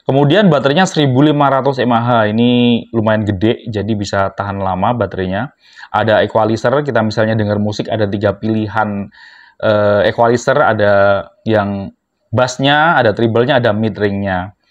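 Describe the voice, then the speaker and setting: Speaking at an ordinary pace in a lowish voice, this man reviews products and vlogs. His informal, step-by-step unboxing and demonstration is captured in a dull, lo-fi recording reminiscent of a homemade review video.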